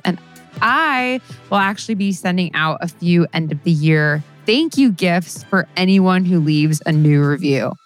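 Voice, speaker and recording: Woman, podcast host, casual chat, earnest, faint background music. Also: on the low side. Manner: chatty, earnest, lots of "like".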